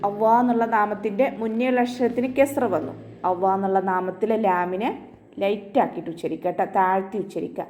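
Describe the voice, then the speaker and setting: A woman teaching Quran recitation in an online tajweed lesson, explaining each rule patiently and chanting the verses slowly in a higher, drawn-out voice. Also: a little hiss or hum. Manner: patient step-by-step instruction, softly ending phrases with "ട്ടോ".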